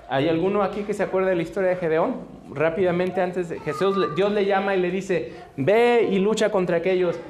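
A man preaching to a congregation in a relaxed, conversational way. His voice sits a bit high, and he slips into acted-out dialogue and quick chuckles as he tells stories. A faint hiss of noise lies under the church recording. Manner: storytelling, acts out dialogue, chuckles often. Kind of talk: conversational sermon. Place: church service before a congregation.

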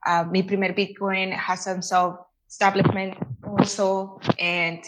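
A woman's voice: mid-range voice, level tone, measured pace. A woman from El Salvador, a guest in a casual interview, chatting with many "you know" fillers.

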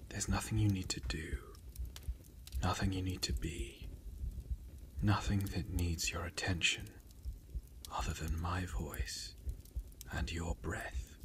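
A man giving gentle, reassuring ASMR relaxation in a soft spa-like whisper, in short phrases with pauses. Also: low voice, flat delivery. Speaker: ASMR guide.

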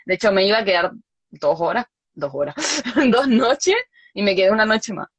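A woman's voice: mid-range voice, moderate pace, husky, no echo. A young Chilean woman chatting casually, telling a story with laughs and acted-out quotes. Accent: Chilean Spanish. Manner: animated, laughs often, acts out quoted lines.

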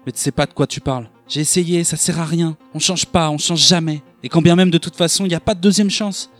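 A man playing a bitter, self-loathing young street thug in a dramatic monologue, ranting in rough slang, with faint music underneath. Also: on the high side, steady tone, brisk, fairly bright tone, close to an everyday voice. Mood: angry.

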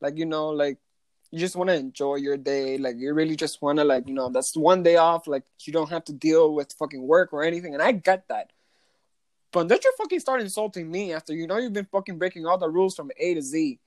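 A young woman casually telling a hotel front desk story as a podcast co-host, animated and swearing a lot, sometimes slipping into Spanish. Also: sits low, fairly quick, no echo. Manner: switches between English and Spanish.

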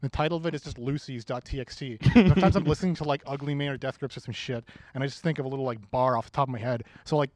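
A man's voice: medium pitch, rapid-fire, hardly any pauses, a little mellow, dry recording. A young man co-hosting a podcast, chatting casually in a crude, rambling way, full of swearing and "like" fillers. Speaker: podcast co-host. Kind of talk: casual chat. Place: small room. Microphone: close-up podcast mic.

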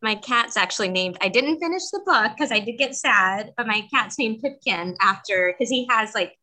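A woman's voice: on the high side, animated, normal speed, bright, forceful tone. A woman hosting a podcast, asking plain questions and adding brief friendly asides. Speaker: podcast host. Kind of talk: casual interview chat.

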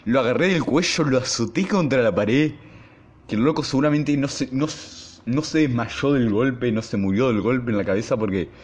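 A young man with an Argentine accent, hosting his podcast and telling a school story in a casual, slangy, animated way. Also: medium pitch, moderate pace, breathy edge. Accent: Argentine Spanish. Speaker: podcast host.

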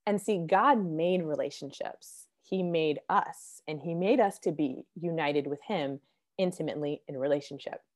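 In a fairly low voice at a moderate pace, a woman gives a devotional Bible teaching, earnest and casual as though among friends. Her voice is slightly hoarse as it recovers, and she clears her throat now and then.

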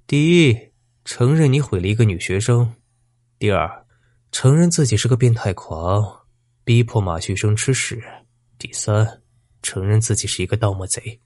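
A man plays a vicious male bandit bent on revenge, sneering through his threats. The voice sits low with a husky grain. It is recorded close and dry, with no room around it. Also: normal speed, darkish tone, no echo, lightly acted. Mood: menacing. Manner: sneering, menacing taunts. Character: vicious vengeful male bandit, former student.

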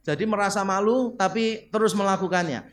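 A high-voiced male pastor delivering a sermon. He tells stories in a lively way, acts out bits of dialogue and laughs along, and keeps turning to the congregation as he speaks. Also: fairly quick. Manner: animated storytelling with quoted dialogue and laughter; addresses listeners as "saudara".

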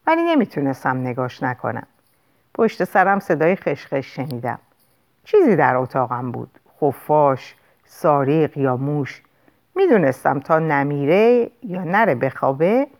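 A woman narrating a novel as an audiobook in an expressive, lively storytelling manner. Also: low voice.

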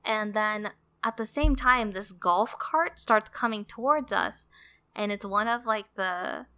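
A woman's voice: mid-range voice, measured pace, sharp tone, clear, resonant tone, muffled recording. A young adult woman co-hosting a podcast, telling a story in casual chat and acting out what people said. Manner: chatty storytelling, acts out quoted lines. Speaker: podcast co-host.

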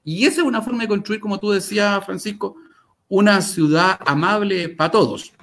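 At normal speed and a bit bright, his voice sits high. The man, a guest in an interview with a Chilean Spanish accent, is articulate and emphatic as he shares stories and commentary, reinforcing his points by repeating phrases.

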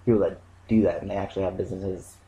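A man in casual chat, rambling and halting with lots of ums. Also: sits low, fairly even intonation, dark tone, rough recording.

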